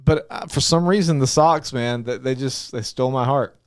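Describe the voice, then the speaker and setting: Man from Arkansas, casual podcast chat, rambling restarts, mid pitch, dry close sound. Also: moderate pace, no room sound. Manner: rambling, restarts often, laughs easily. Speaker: podcast co-host.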